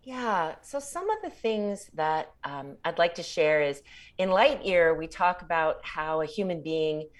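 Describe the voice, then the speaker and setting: A woman in her sixties, an author guesting on a podcast, chats casually and reflectively in an interview, laughing often. Her voice sits low, with lively intonation and an unhurried pace.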